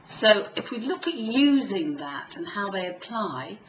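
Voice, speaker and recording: A woman's voice: medium pitch, big pitch swings, a little slow, fairly bright tone, highs cut off. A woman teaching a one-to-one pronunciation lesson, giving instructions, demonstrating sounds and prompting with questions. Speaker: elocution teacher. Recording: echoey room with faint background noise.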